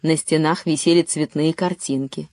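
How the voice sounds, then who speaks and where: A woman narrating a children's story in a calm, even way. Her voice sits low and mellow, recorded close and dry with no room around it. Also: normal speed, no room sound. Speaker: audiobook narrator. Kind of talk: scripted narration.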